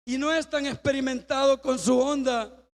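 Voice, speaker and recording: A man preaching a sermon, telling a story and acting out its dialogue with bursts of shouting. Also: very high-pitched, steady tone, moderate pace. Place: church.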